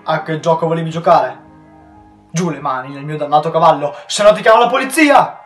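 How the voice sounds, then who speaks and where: A teenage boy voicing a small, furious coal merchant who shouts and curses, in a roomy recording. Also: fairly high pitch, brisk, soft background music, close to an everyday voice. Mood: furious shouting. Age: teens. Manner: shouting, cursing. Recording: roomy echo.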